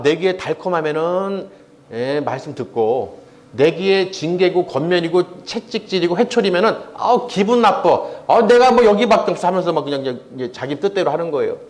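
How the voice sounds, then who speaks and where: A male pastor preaching a sermon, retelling a story with animation and asking the congregation questions. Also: high-pitched.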